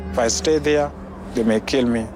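A man's voice: medium pitch, steady tone, moderate pace, over music. A man from South Sudan speaking earnestly outdoors at a camp. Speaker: asylum seeker.

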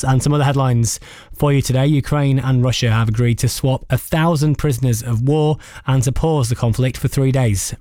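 A man's voice: medium pitch, a little mellow, dry recording. A man from South Yorkshire hosting a radio phone-in and reading the news headlines in a studio. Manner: chatty, then crisp newsreading. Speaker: radio presenter. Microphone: studio microphone.

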